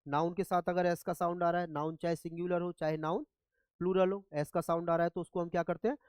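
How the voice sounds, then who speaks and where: A man's voice: sits high, level tone, quick pace, darkish tone, no echo. Man teaching grammar, very dry sound. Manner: asks students repeatedly if they follow. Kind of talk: classroom lecture.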